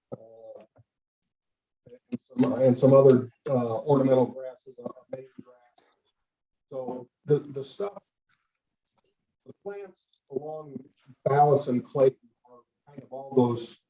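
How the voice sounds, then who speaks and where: A man explaining plans at a public meeting over a video call, halting and listing items with many pauses while his audio breaks up and cuts in and out. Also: mid-range voice, warm tone, muffled recording. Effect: audio breaking up, cutting in and out. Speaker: presenter for a development applicant.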